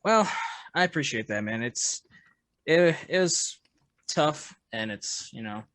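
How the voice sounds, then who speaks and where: A man's voice: mid-range voice, animated, slow, dry recording. Laid-back male musician, dry close mic. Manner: laid-back, laughs often, trails off quietly. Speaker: musician guest. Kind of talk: casual chat.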